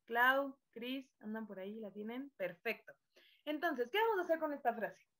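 A woman with a Mexican Spanish accent teaching an online voice workshop over a video call, energetic, encouraging and playful. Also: fairly high pitch, normal speed.

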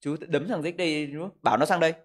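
A man's voice: fairly high pitch, steady tone, quick pace. A man, livestreaming from a room at home and joking crudely as he reads viewer comments into a desk mic. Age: 20s. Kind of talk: casual livestream chat. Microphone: desk microphone.

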